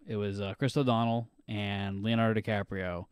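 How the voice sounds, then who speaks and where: A man's voice: fairly low pitch, little pitch movement, normal speed, clean tone, no echo, clean studio sound. A man hosting a podcast in casual chat, rambling through lists of names with many fillers. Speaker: podcast host.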